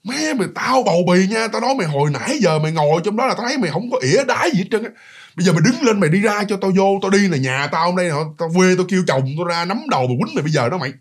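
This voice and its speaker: Southern vietnamese guy doing a cranky pregnant lady, high and quick. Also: lively intonation. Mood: cursing. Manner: pleading, scolding. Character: annoyed pregnant young woman, impatient.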